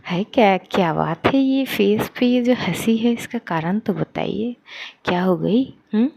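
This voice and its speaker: A woman's voice: mid-range voice, animated, unhurried, vocal fry, darkish tone. A woman voicing a playful young woman who teases her sister-in-law with exclamations, in a spoken story. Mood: teasing. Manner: teasing, exclamatory.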